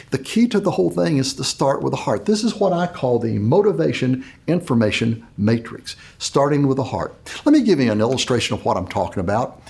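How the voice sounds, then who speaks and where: A man's voice: mid-range voice, creaky, a little mellow. A man hosting a leadership show, giving a motivational talk and telling a story dramatically. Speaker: host, leadership speaker.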